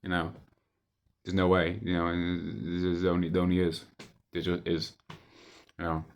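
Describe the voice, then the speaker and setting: Casting: young adult male vlogger, lower-pitched, casual and hesitant, loops back over his own phrases. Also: monotone, unhurried, clean tone. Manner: hesitant, repetitive, with trailing thoughts. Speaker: video diarist. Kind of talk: casual rambling monologue to camera.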